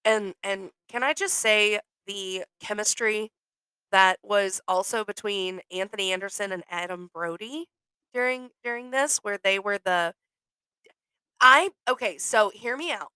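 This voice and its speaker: Bright-voiced woman podcast co-host. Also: medium pitch, a little slow, clear, resonant tone, dry recording. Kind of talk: casual chat.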